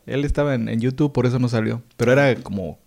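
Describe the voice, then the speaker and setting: A man in his thirties with a northern Mexican accent from Tijuana, talking quickly and casually on a podcast. He is chatty and fills his talk with slang, and his voice sits at a middle pitch. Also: gravelly, a little mellow. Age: 30s. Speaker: podcast co-host. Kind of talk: casual chat.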